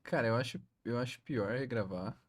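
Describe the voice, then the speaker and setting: A man's voice: medium pitch, a little fast. A man with a Brazilian accent casually directing his video editor at work, pushy and full of slangy examples. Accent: Brazilian Portuguese. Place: workplace, with a colleague.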